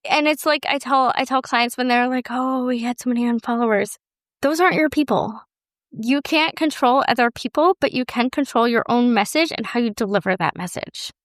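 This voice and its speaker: A woman hosts a casual solo podcast and talks candidly, with a lively, self-deprecating manner. Her voice sits a little high and comes across smooth and clear. The close mic is dry, with almost no room sound. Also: moderate pace, no echo. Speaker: podcast host and business owner.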